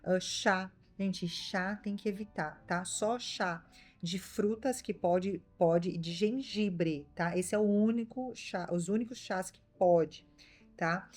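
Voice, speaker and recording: A woman's voice: medium pitch, slow pace, a little mellow, faint music behind. A young Brazilian woman with a Brazilian Portuguese accent, chatting casually to her viewers in a vlog and often checking in with them. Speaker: vlogger.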